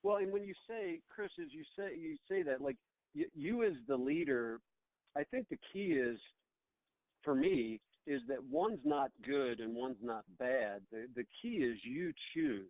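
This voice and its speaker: Speaking a little slowly with lively intonation and a mid-range voice, a middle-aged American man is interviewed about his business on a phone call. There is no echo, but the line is tinny and band-limited, and his talk is reflective and rambling, often repeating words to rephrase.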